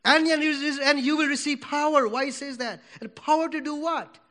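Preaching in church with a Nepali accent, this man from Nepal speaks English as a second language in a very high-pitched, steady voice at normal speed. He moves between booming proclamations and quiet prayer.

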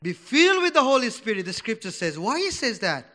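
A Nepali man preaches a sermon in a church in English, which isn't his first language, with a Nepali accent. His extremely high voice is very animated and brisk, swinging from loud declarations to hushed prayer.

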